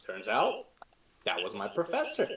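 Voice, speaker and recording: A man's voice: on the high side, moderate pace, far from the mic, slight background noise. A young man hosts a casual podcast and tells tabletop game stories, his voice swinging up and down as he laughs and swears through them. The room sounds echoey, and he sits well back from the mic. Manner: laughing, swearing, excitable storytelling. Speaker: podcast host and game master. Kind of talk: casual chat.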